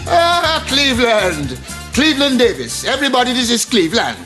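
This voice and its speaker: A man's voice: very high-pitched, big pitch swings, moderate pace, music in the background. A middle-aged man with a Guyanese accent, bossy and fussy, giving instructions in a sitcom. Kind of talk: sitcom acting.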